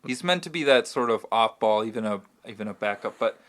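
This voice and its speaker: A man's voice: on the low side, expressive, brisk, a bit bright. Guy on a sports pod, voice bouncing up and down a lot, hedges a lot then rattles off stats. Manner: hedging, analytical, cites stats. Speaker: podcast co-host. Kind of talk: casual sports chat.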